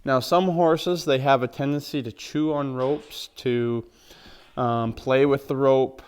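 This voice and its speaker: A man, a horse trainer, calmly explaining knots step by step in a plain, practical way. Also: medium pitch, takes it slowly, smooth. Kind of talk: instructional demonstration.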